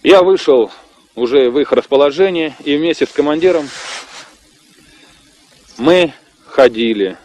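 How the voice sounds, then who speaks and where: A man's voice: fairly high pitch, animated, unhurried, long pauses, a little mellow, slight background noise. A man, speaking as a former military officer, recalls combat in a plain, matter-of-fact way. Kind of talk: interview recollection of combat.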